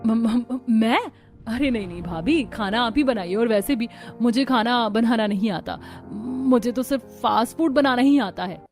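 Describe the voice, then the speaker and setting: A woman voicing a scheming young bride who can't cook, in an animated family drama, muttering sly asides to herself. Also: fairly high pitch, normal speed, soft background music, close to an everyday voice. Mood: flustered.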